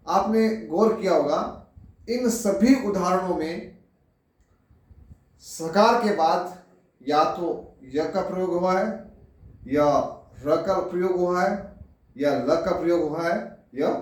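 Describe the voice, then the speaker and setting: A man with a fairly high voice gives a slow, deliberate lecture, taking the words one at a time and turning to his listeners as he explains. He sounds far from the mic, and the room around him echoes heavily. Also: darkish tone. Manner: deliberate, explains word by word, addresses listeners directly. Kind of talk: slow classroom lecture on pronunciation.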